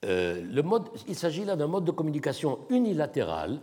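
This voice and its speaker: Male academic lecturer, animated pitch, mid voice, long hall reverb on a lectern mic. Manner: measured, explanatory, demonstrates tones by voice.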